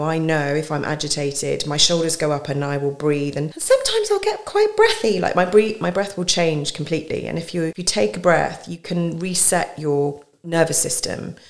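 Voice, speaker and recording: A woman in her forties, a coach, explaining a calming technique in a relaxed podcast conversation with thoughtful pauses. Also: low-pitched, vocal fry. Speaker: guest coach.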